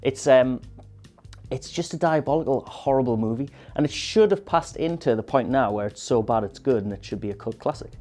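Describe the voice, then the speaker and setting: A man on a panel show, trading dry, sardonic opinions. His voice is dark and mellow. Soft music plays under him. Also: medium pitch, lively intonation, fairly quick. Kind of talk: casual panel chat.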